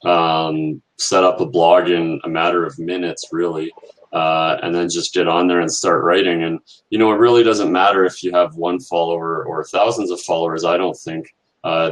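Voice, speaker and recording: A man co-hosting a casual online chat over a video call, hesitant and laid-back with many pauses. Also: low voice, flat delivery, rough recording. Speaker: co-host.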